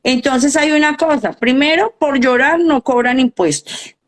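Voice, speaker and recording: A woman's voice: high-pitched, measured pace. A middle-aged woman, a coach and educator, earnestly explaining her ideas in a live interview and often asking rhetorical questions.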